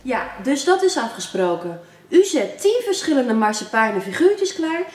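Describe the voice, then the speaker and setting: An actress playing a sneaky female helper Piet who quietly makes a secret deal, heard muffled through a closed door. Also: on the high side, sing-song, moderate pace. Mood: secretive. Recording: distant echoey sound with faint noise.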